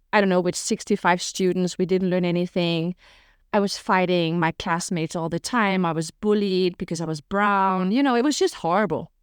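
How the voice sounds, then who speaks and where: On a podcast, a middle-aged woman from Denmark recounts her past in a candid interview, speaking frankly and with lively energy while frequently using "you know." Her voice is on the low side, clear and resonant, captured in a dry, clean studio recording.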